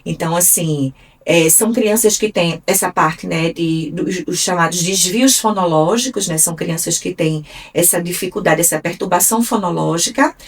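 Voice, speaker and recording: A woman from Brazil with a Brazilian Portuguese accent, a speech therapist explaining things in a measured way on a radio interview, often adding tag questions. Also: fairly low pitch, recorded from a distance. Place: radio studio.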